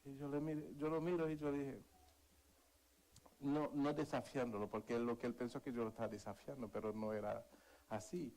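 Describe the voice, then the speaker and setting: A man's voice: mid-range voice, steady tone, normal speed, a little mellow, poor audio. Male preacher, earnest, sermon with a personal story. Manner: earnest, calls for amens, tells a story.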